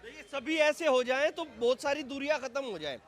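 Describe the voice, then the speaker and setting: A man's voice: extremely high pitch, fairly quick, fairly bright tone. A man reporting on the street who keeps prompting his guest, finishing his sentences and asking leading questions. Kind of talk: street interview.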